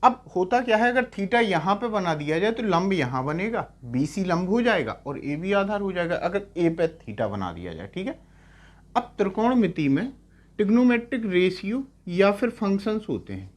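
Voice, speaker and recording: A man's high, sing-song voice at normal speed carries a classroom-style math lecture in Hindi laced with English terms. He repeats key terms and keeps checking in with short questions.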